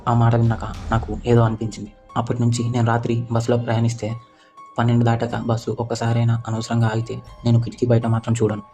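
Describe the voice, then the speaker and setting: A man narrating a first-person horror story in an even, steady way. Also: mid-range voice, quick pace. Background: faint background music.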